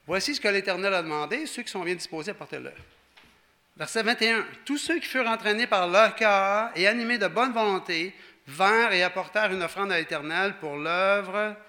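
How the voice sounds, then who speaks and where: A man with a Quebec French accent preaching a conversational, animated sermon and acting out the people he quotes. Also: high voice. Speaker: pastor.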